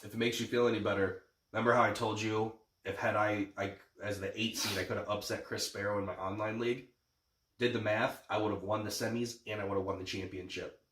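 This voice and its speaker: A man's voice: lowish voice, steady tone, fast, a bit bright. Male sports podcaster, stuffed-up sniffly nose, cocky and sweary banter, recorded roomy and off-mic. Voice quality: congested, blocked-nose sniffly voice. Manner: boastful, sweary. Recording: echoey room, distant from mic.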